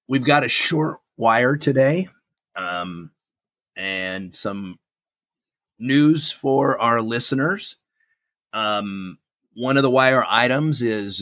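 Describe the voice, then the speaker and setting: A man co-hosts a casual podcast with a gravelly, raspy voice, as if his throat is strained. He takes his time, pausing between short phrases. The sound is dry, with very little room on it. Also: medium pitch, fairly bright tone, dry recording. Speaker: podcast co-host.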